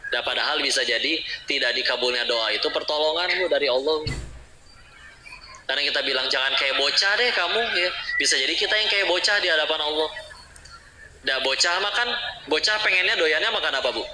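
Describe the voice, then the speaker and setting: Male preacher, playful and quizzing the crowd; raised pitch, echoing hall with audible background noise. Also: fairly quick. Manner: teasing, asks the audience questions. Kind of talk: humorous sermon to a live audience.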